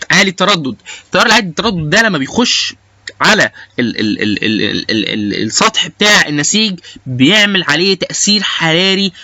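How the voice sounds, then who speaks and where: A biomedical engineering instructor with an Egyptian Arabic accent gives an informal, explanatory lecture, slipping English technical terms into his speech. His voice is high-pitched and bright with a forceful tone, and the recording is dry.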